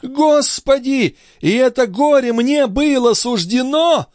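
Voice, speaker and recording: A man voicing a proud young noblewoman, distraught and furious, crying out in a raised falsetto. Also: animated, a little fast, no room sound, studio quality, close to an everyday voice. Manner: shrieking, sobbing cries in a raised falsetto. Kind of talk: dramatic audiobook reading.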